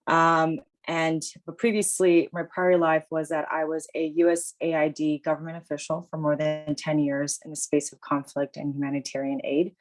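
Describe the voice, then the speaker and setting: A woman's voice: low-pitched, flat delivery, moderate pace, hardly any pauses, music in the background, poor audio. A woman panelist on a video call, candid and conversational. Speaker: panelist, NGO co-founder. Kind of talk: panel discussion.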